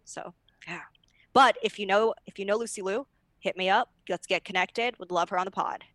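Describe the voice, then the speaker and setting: Slightly hungover woman, bright voice. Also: mid-range voice, fairly even intonation, fairly quick, no room sound. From United States. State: a little hungover. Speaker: podcast host and comedian, as a guest. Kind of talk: casual conversational interview.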